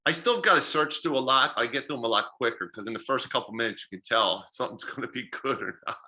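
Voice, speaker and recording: A man's voice: medium pitch, fast. A middle-aged man, a filmmaker and festival organizer, telling stories in a casual interview, self-deprecating and acting out quoted conversations. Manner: animated, self-deprecating, acts out quoted dialogue.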